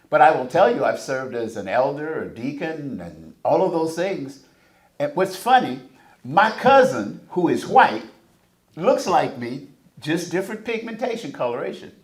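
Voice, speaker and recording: Speaking on a panel in an echoey conference room, a man from the Southern United States builds his points with emphatic, preacher-like intensity. His voice sits on the high side, swings hugely in pitch, and moves at a measured pace.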